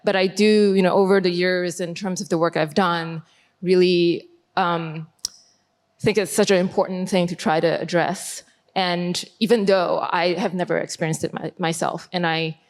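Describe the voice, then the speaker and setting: A woman in her forties from Singapore telling her story on a panel, candid and self-deprecating. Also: on the low side. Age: 40s.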